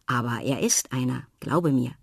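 A woman voicing a kind, patient aunt at bedtime in a storybook reading, speaking slowly and reassuringly. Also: rumbling low, vocal fry, no room sound, clean studio sound, voice pushed down, exaggerated voice. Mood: gentle.

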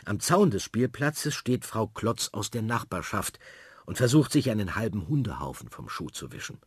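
A man reading a children's story aloud in a lively, expressive way. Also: lowish voice, normal speed, breathy edge, no echo, studio quality.

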